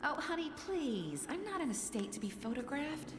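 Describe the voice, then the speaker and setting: Gentle young mother, echoey room. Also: sits high, sing-song, normal speed. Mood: self-conscious. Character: gentle, solemn young mother devoted to home. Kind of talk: video game drama dialogue. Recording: echoey room with clear background noise.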